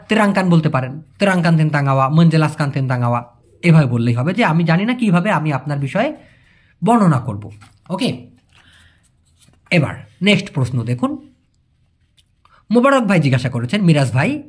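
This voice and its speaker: Man, language teacher, patient, repeats words slowly, animated pitch. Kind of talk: explaining vocabulary to viewers.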